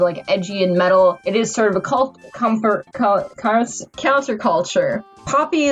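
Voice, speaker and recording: A woman's voice: mid-range voice, muffled recording. Tipsy woman rambling through a review. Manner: halting and stumbling, mock-earnest analysis. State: tipsy, drunk. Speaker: amateur movie reviewer. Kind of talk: casual rambling video review from notes.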